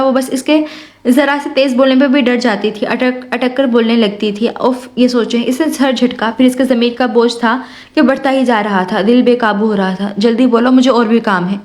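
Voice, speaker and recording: A woman narrating a romance novel as an audiobook, in a steady, soft storytelling manner. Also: on the high side.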